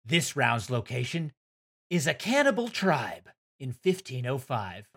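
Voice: mid-range voice, very animated, measured pace, fairly bright tone, husky. A player in a party game with friends, laughing and playfully teasing the others. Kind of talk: casual chat among friends.

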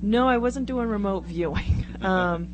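This is a Brockton, Massachusetts woman on talk radio, medium in pitch and a little slow, chatting casually as she rambles and jokes at her own expense. The recording is very noisy, with hum.

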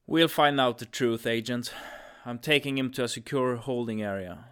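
A man's voice: mid-range voice, normal speed, a bit bright, clear, resonant tone, close to an everyday voice. A man playing a firm agency commander. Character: stern male time-travel agency commander. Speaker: actor in an audio drama. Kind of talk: audio drama acting.

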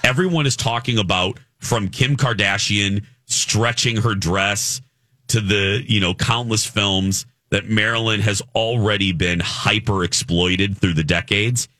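A man co-hosts a laid-back morning radio program at a measured pace. His delivery is animated and leaps high when he stresses a point, and there's no echo.

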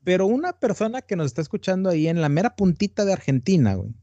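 A northern Mexican man hosts a podcast, chatting casually and rambling on with a steady stream of slang. His voice is mellow and warm, and it sounds close and dry on the mic. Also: high-pitched, quick pace, dry recording, highs cut off. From Tamaulipas, northern Mexico. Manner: rambling and animated, slangy, peppers lines with "güey". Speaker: podcast host. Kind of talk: casual chat.

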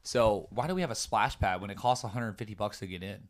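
A man's voice: on the low side, fast talker, a little hiss or hum. A man in his twenties co-hosting a podcast, chatting casually from a room in his house and pushing his opinions. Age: 20s. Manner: relaxed, opinionated, laughs easily. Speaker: podcast co-host. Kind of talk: casual chat.

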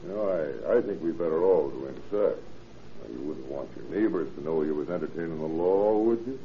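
A man playing a calm, wily police inspector in an old radio drama, with the folksy, streetwise patter of a 1930s beat cop. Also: rumbling low, fairly quick. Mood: calm, firm. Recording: muffled, noisy old radio recording.

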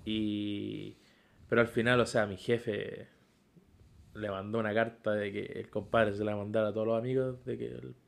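A man's voice: on the low side, flat delivery, normal speed, vocal fry. Hesitant man recounting a story. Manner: hesitant, repeats words while recounting. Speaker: podcast co-host. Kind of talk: casual chat.

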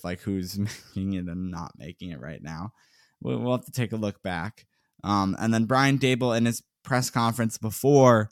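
A man's voice: on the low side, dry recording. Casting: male sports podcast co-host, chatty, laughs often, dry close-mic sound. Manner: chatty, laughs often, reads player lists. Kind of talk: casual sports podcast recap.

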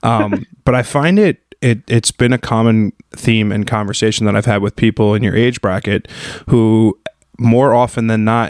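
A man in his thirties hosting a casual podcast interview, rambling quickly and correcting himself mid-sentence. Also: fairly low pitch, no room sound, clean studio sound. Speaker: podcast host.

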